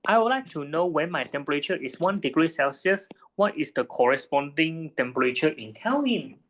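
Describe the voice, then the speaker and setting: A man's voice: on the high side, lively intonation, moderate pace, a bit bright. Patient male physics tutor checking answers. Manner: patient, checks understanding with frequent tag questions. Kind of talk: one-on-one tutoring lesson.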